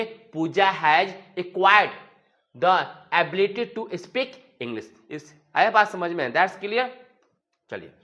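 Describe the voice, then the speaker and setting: A man's voice: high-pitched, a bit bright. A man teaching English vocabulary, who keeps repeating each word and asking and answering his own questions. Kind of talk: vocabulary lesson. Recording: dull lo-fi sound.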